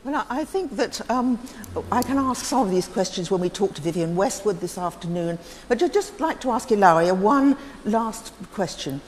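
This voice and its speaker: A woman's voice: medium pitch, animated, moderate pace, few pauses, a little mellow, slight background noise. Poised woman moderating in a reverberant hall. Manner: articulate, poised questioning. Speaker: conference moderator. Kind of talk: moderating a panel discussion. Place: conference hall. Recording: conference hall reverb, faint ambience.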